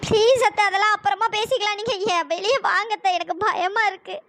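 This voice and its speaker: A voice actor playing a frightened young woman in a cartoon drama, pleading in a pitch-raised voice. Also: fast talker, sharp tone, heavily acted. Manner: fearful, pleading.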